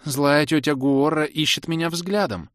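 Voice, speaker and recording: A man voicing a young girl who speaks slowly and thoughtfully with an eerie calm. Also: a little high, no echo, studio quality, pitched above the performer's own voice. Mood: dreamy.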